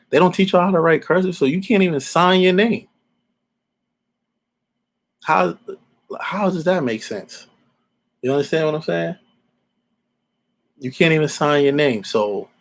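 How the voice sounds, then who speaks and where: A man's voice: fairly high pitch, creaky, low-quality recording. A man in his forties from Alabama giving casual, rambling opinions as a podcast host, repeating himself and using informal slang. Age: 40s.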